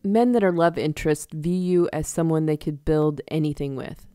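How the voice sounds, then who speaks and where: Low, warm-voiced woman reading tarot. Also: no echo, studio quality. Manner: chatty, laughs often, acts out quick examples. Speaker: tarot reader. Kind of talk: casual tarot reading to camera.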